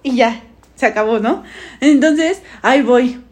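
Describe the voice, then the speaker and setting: A young woman, telling a school story in animated casual chat, often laughing and mimicking voices. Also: high voice, a little slow.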